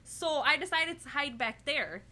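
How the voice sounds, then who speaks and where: Speaking at a measured pace in a high voice, a young woman casually retells a story for her vlog. Her delivery is giggly and animated, packed with "like" and "you know," and she laughs as she goes.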